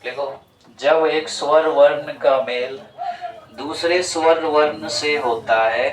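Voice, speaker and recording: A male teacher works through a grammar lesson at a deliberate, unhurried pace, repeating each rule and firing questions at his class. His voice sits a little high for a man. He is picked up from across an echoey classroom. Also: recorded from a distance, a crowd in the background. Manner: slow, repetitive explaining, quizzing students. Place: classroom with students.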